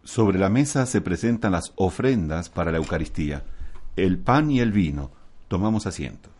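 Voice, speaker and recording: A man's voice: low voice, animated, moderate pace, darkish tone. A man acting as lay reader and guide at Mass, reading scripted prayers and liturgical announcements.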